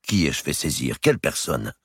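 A man's voice: extremely low pitch, sing-song, normal speed, a bit bright, husky, no echo, studio quality, exaggerated voice. A man voicing a medieval king in a storybook reading, urgent and commanding. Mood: bewildered. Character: medieval male king, bewildered then commanding.

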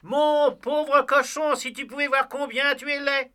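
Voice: high-pitched, fairly even intonation, a little slow, sharp tone. A performer voicing a vain, insolent rooster in a storybook audio tale, cackling and mocking. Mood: scornful. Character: vain boastful idle rooster, male.

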